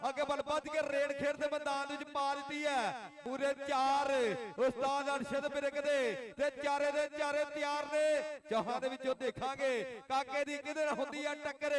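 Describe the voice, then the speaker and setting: A man with a Pakistani Punjabi accent doing frantic rural sports commentary, excited, urgent and repetitive. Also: extremely high pitch. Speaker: kabaddi commentator. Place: outdoor village kabaddi ground. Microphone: live commentary microphone. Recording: loud outdoor crowd behind PA commentary.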